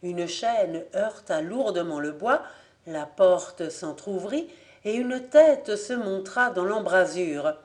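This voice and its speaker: A woman reading a volunteer audiobook as scripted narration. Her voice sits low and her delivery is slow and unhurried, measured and clear. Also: lively intonation, darkish tone. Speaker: audiobook reader.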